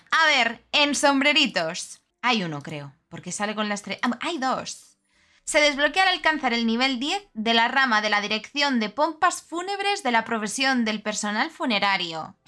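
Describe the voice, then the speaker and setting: A woman's voice: fairly high pitch, bright, forceful tone. A young woman gives casual, chatty game commentary, gushing and exclaiming as she goes. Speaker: game reviewer.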